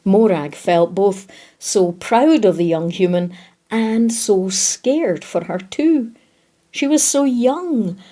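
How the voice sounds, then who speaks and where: A woman gently reading a children's animal story aloud. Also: mid-range voice, expressive, slow pace. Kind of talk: scripted storybook narration.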